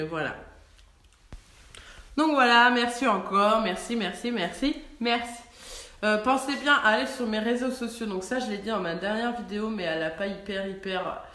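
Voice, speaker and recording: A young French mother films a casual home vlog on a handheld phone in her kitchen, chatting with lots of fillers and restarts. Her medium-pitched voice has a fairly bright tone, and the room sounds echoey.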